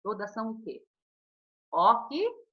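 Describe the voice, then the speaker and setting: A Brazilian woman teaching children in a recorded online lesson, her pitch rising and falling with animation. She speaks patiently and affectionately and draws words out slowly, and the sound is dull and lo-fi. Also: big pitch swings. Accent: Brazilian Portuguese. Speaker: primary school teacher.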